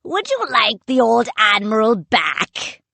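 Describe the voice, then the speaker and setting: A woman's voice: on the high side, very animated, slow, vocal fry, sharp tone, no room sound, exaggerated voice. A woman voicing a sly, grinning male pirate captain with a taunting manner. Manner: mocking, taunting.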